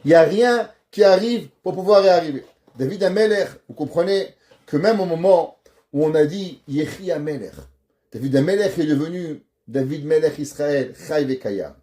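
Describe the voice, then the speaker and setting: A man's voice: on the high side, moderate pace. A man, a rabbi, giving a Torah lesson and telling stories, acting out the dialogue. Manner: animated storyteller who acts out dialogue.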